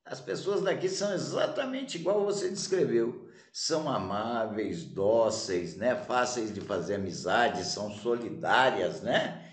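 A man voicing a calm, wise old male sage in a folk fable, who calmly repeats the stranger's words back to him. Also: medium pitch, measured pace. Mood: gently ironic. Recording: roomy echo.

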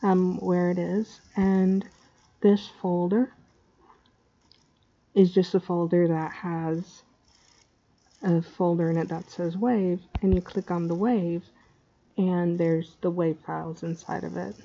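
A woman giving a casual software tutorial in a hesitant, scatterbrained way, her speech slightly slurred by a dental retainer. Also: fairly low pitch, little pitch movement, slow, creaky, long pauses, highs cut off. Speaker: tutorial maker.

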